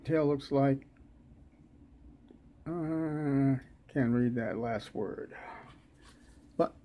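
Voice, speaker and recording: A man with a New York accent chatting casually as he unboxes a package, halting often with fillers while sucking a lozenge. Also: mid-range voice, muffled recording, slight background noise. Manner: slow, halting, many uh fillers, relaxed. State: unwell, lozenge in mouth. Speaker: lock-picking channel host.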